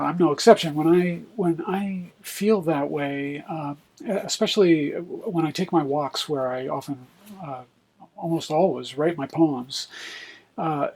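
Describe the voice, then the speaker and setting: Hesitant husky man, slightly high. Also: a little mellow, low-quality recording. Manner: hesitant, searching for words with many pauses. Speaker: poet introducing own poem. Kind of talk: informal reflective spoken introduction.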